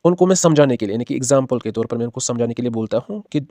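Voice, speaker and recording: A man teaching how to pronounce Arabic letters, patient, stretching each letter slowly and checking in with the learner often. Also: medium pitch, lively intonation, dark tone, no echo. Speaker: Quran teacher.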